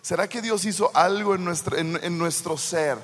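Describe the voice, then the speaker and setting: A man's voice: high-pitched, moderate pace, fairly bright tone. A man preaching a sermon, telling the story with humorous asides and building to fervent proclamation. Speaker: pastor. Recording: long hall reverb.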